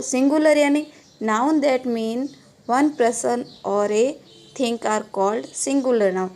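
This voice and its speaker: Woman teacher, Rajasthani Hindi accent, slightly high voice, patient, question-and-answer lesson. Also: a little mellow. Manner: patient, asks and answers her own questions. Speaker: school teacher. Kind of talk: classroom grammar lesson.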